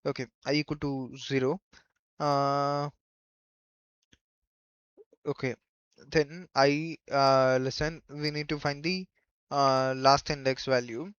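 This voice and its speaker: A man giving a coding tutorial in a halting way, thinking aloud as he goes. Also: medium pitch, level tone, a bit bright, clear, resonant tone, no room sound. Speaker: programming tutor. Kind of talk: screen-recorded coding tutorial. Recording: dull lo-fi microphone.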